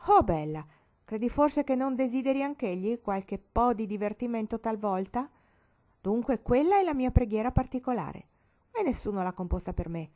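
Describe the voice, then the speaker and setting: Una donna che legge dà voce a una bambina prepotente e sfacciata, con tono canzonatorio e saccente. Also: female voice, fairly high pitch, animated, normal speed, warm tone, pitched above the performer's own voice, natural voice. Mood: bossy. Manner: teasing, self-important. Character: bossy cheeky little girl. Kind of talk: audiobook reading.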